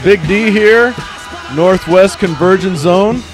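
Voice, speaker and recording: A man hosting a podcast slips into his old-school radio announcer voice, the kind used on air years ago. He sounds punchy and upbeat, and he sits a little above the usual male pitch. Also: slow pace, faint music behind. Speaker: podcast host.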